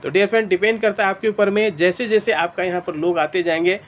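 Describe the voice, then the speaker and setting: A man's voice: high-pitched, quick pace. A man presenting a money plan in an online meeting, walking through the figures step by step and calling the audience dear friends. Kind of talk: sales presentation over a video meeting. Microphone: clip-on mic. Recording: dull lo-fi call audio with faint noise.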